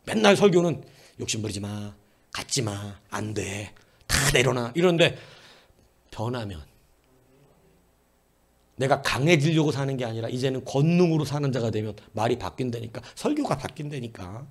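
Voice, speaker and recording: A middle-aged man preaching a sermon as pastor, animated and talking back and forth with his congregation, swinging between loud calls and hushed asides. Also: mid-range voice, slightly rough. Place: church sanctuary.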